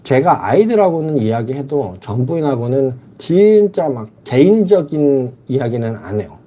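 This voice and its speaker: Reading chat comments aloud, a middle-aged man in the Philippines answers his livestream viewers bluntly and frankly in a casual setting. His warm, mid-range voice swings widely in pitch at a normal speed.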